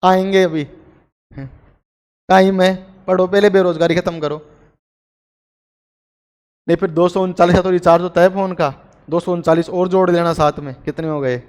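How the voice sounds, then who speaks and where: A man gives a classroom grammar lecture in a high, smooth, resonant voice. He keeps the tone chatty and breaks in with joking asides to his students. The recording has a long, hall-like reverb. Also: fairly even intonation, normal speed, long pauses, darkish tone. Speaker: teacher.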